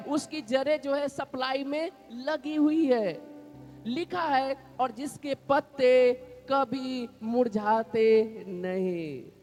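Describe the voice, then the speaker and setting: A man preaching a sermon in a church, repeating lines for the congregation to say back. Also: very high voice. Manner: repetitive call-and-response preaching, has congregation repeat declarations. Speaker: pastor.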